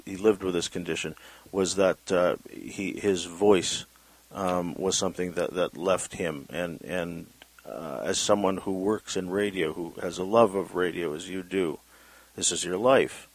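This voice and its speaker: Male podcast interviewer, lowish pitch, dry sound, tentative conversational questioning with repeated words. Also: a little slow, dry recording.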